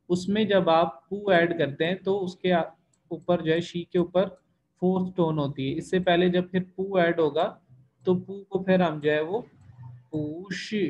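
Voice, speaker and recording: A man teaching a language lesson online, speaking slowly and patiently with a somewhat raised pitch. He draws out the example syllables as he explains them. The recording sounds dull and lo-fi. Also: darkish tone. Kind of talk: online class lecture. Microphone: online class recording.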